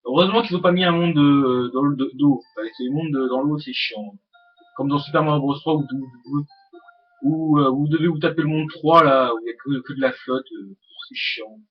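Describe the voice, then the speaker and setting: A man's voice: on the high side, normal speed, husky. A young man hosting a let's play, rambling with many hesitations and swearing at the game. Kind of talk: casual gameplay commentary. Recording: dull lo-fi mic with game music.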